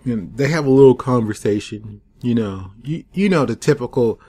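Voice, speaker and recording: A man recapping a TV episode in a loose, chatty way, wandering off on side tangents. His voice sits in a middle pitch, recorded close on a desk microphone at home. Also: animated, normal speed, mellow, breathy edge. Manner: rambling, digressive, chatty. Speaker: TV episode reviewer. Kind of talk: casual spoken review. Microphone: USB desk microphone.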